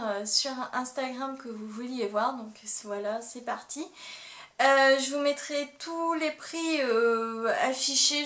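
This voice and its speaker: A woman's voice: sits high, a bit bright. A young woman chatting casually in a beauty haul vlog, full of fillers and restarts. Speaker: beauty vlogger. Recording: echoey room with faint noise.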